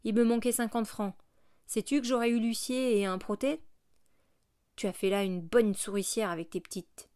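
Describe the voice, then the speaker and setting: A woman's voice: a little high, fairly even intonation, moderate pace, darkish tone, clear, resonant tone, lightly acted. A woman reading aloud as a greedy, scheming male innkeeper who drives a hard bargain in a curt, demanding way. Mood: gloating.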